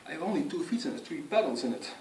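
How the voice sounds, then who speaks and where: A man's voice: on the high side, big pitch swings, darkish tone, recorded from a distance, a little hiss or hum. Earnest man speaking in an echoey room. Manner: earnest, instructive, halting phrasing. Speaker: speech giver. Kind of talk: prepared speech on public speaking. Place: room with an audience. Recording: echoey room, picked up from afar.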